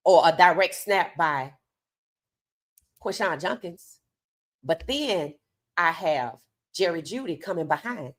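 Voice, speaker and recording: A woman's voice: mid-range voice, a bit bright. Emphatic woman giving opinionated sports commentary. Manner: emphatic, preacher-like rhetorical questions and repetition.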